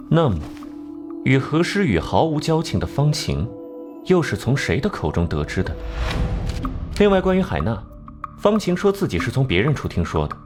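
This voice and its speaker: In an animated drama, a man with a mid-range voice plays a sharp, cocky detective who smugly lays out his deductions through theatrical rhetorical questions.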